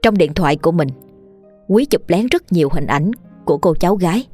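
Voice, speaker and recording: A woman narrating a horror story in a steady, measured reading. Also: fairly low pitch, soft background music.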